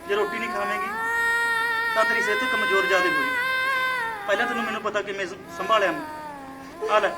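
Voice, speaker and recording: A man playing a kind young man who gently coaxes a grieving woman to eat in a short film. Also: high voice, wildly swooping pitch, brisk, long pauses, heavy background noise. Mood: coaxing. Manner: coaxing, gentle and persistent. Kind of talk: amateur short film acting. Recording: loud music behind.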